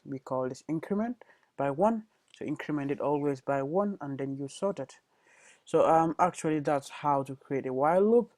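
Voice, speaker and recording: Young male coding tutor, fairly high voice, mellow tone, dry close sound, halting delivery full of ums. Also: no room sound. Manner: hesitant, many fillers and self-corrections. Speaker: programming tutor. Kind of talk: casual screencast tutorial.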